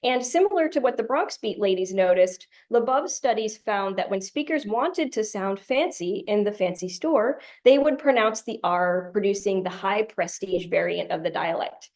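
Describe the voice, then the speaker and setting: A woman's voice: medium pitch, lively intonation, normal speed, hardly any pauses, darkish tone. Woman giving an academic lecture. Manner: clear, explanatory, lightly humorous asides. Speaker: conference tutorial presenter.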